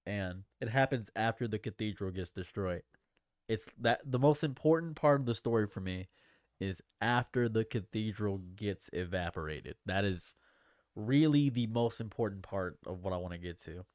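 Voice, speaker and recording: A man's voice: lowish voice, expressive, moderate pace, a little mellow, no echo, studio quality. A man in his late twenties chatting casually on a livestream, rambling and repeating his phrases. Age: late 20s. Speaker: streamer.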